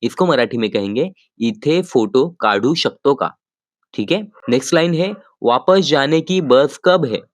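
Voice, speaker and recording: A man's voice: mid-range voice, animated, no room sound. Patient man teaching phrases, dry close sound. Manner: patient, repeats each sentence slowly and addresses viewers as "guys". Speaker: language teacher. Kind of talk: explaining vocabulary in a lesson.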